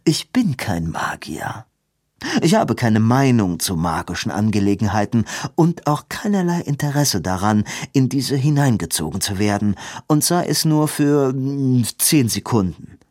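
Haughty aristocrat, read by a male narrator, cold and dismissive, slow and affected in a dry, close audiobook sound. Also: mid-range voice, big pitch swings, a little mellow, no room sound. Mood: haughty disdain. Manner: disdainful, clipped, affected. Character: haughty aristocratic lord, coldly dismissive man.

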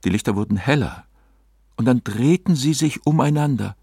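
A man narrating a story as a scripted audiobook reading, measured and expressive, close to the mic. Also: mid-range voice, husky, dry recording.

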